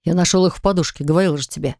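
A woman voicing a quick-tempered young husband, curt and exasperated, in a lower voice in an audiobook. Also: fairly even intonation, a little mellow, no room sound, clean studio sound, natural voice. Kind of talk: audiobook character reading.

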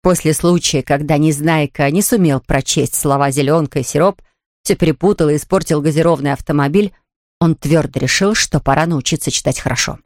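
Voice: mid-range voice, a little fast, no room sound, clean studio sound. A narrator reading a children's storybook aloud, switching into voices for the characters.

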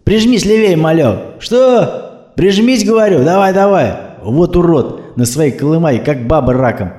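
A man doing a loud, swaggering young thug driver, barking insults in a high, strained voice. The roomy recording adds a light echo around every shout. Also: lively intonation, unhurried. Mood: brash.

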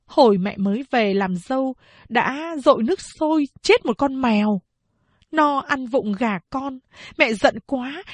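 A woman's voice: sits high, no room sound, voice pushed up. A woman reading aloud, voicing a blunt, scolding old mother-in-law on her sickbed.

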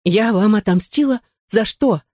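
A man's voice: high voice, measured pace, a little mellow, dry recording, studio quality, voice pushed up. A man reading an audiobook, voicing an earnest, devout young noblewoman in love. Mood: earnest pleading. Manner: earnest, pleading.

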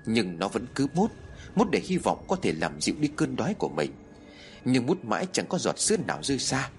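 A man narrating a horror story with dramatic, lively delivery. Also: medium pitch, fairly quick, faint music behind.

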